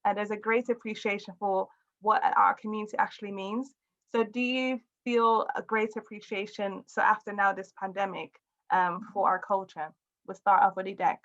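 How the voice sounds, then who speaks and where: A woman's voice: medium pitch, flat delivery, normal speed. Encouraging woman hosting a discussion, muffled. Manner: warm, encouraging, laughs often. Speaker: discussion host. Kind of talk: casual community discussion.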